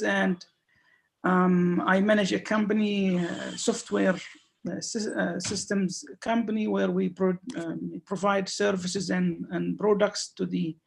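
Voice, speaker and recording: A man's voice: sits high, gravelly. A man in his thirties from Syria, a guest lecturer on a video call webinar, speaking hesitantly with many fillers and restarts. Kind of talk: webinar talk.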